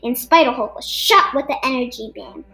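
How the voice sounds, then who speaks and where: At normal speed, a woman with a high voice reads aloud a scripted children's superhero story as a podcast narrator. Heavy background noise fills the recording, along with music behind her.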